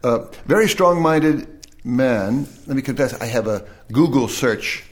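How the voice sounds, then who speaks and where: Guy interviewing for a podcast, admiring, reads poetry lines slow. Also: mid-range voice, expressive.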